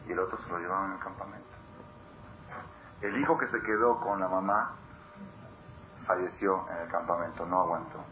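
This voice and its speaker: A deep-voiced man teaches Torah to a live audience at a moderate pace, his tone steady and his speech broken by frequent pauses. He stresses points by repeating words and puts questions to listeners, captured in dull lo-fi audio with clear background noise.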